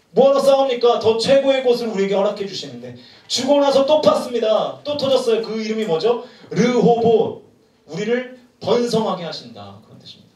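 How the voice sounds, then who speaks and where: A male pastor preaching a sermon at a retreat, animated and joking, throwing questions to the crowd. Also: sits high. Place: large room at a retreat. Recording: echoey room from far off.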